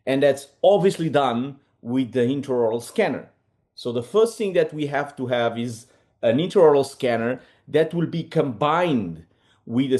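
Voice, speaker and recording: Relaxed dentist presenting. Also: male voice, medium pitch. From Portugal. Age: middle-aged. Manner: relaxed, many fillers, slightly non-native phrasing. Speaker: implant dentist, webinar co-host. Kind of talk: casual presentation.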